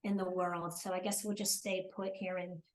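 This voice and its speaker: A woman's voice: lowish voice, little pitch movement, normal speed, poor audio. An older woman from South Jersey with a South Jersey accent, chatting as an interview guest, hesitant with many ums and restarts. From South Jersey, USA. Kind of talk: casual interview chat.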